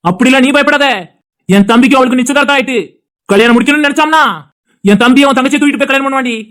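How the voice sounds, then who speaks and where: A woman's voice: high-pitched, very fast, fairly bright tone. A woman with a Tirunelveli Tamil accent voicing an angry husband in a cartoon, who scolds his wife in a heated, insulting way while defending his brother. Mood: contemptuous. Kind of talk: cartoon dialogue acting.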